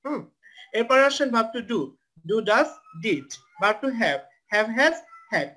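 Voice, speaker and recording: A man with a high-pitched voice teaches a live online grammar lesson. He walks through each rule step by step and stops to spell out words. He drops English terms into his explanations as he goes. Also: sing-song, drawn-out words, bright, forceful tone. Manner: mixes English terms into Bangla.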